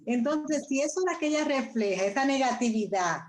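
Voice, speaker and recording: A woman's voice: high-pitched, expressive, fairly quick, darkish tone, low-quality recording. A woman hosting a church gathering, encouraging and affirming, answering with amens. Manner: encouraging, with frequent amens and agreements.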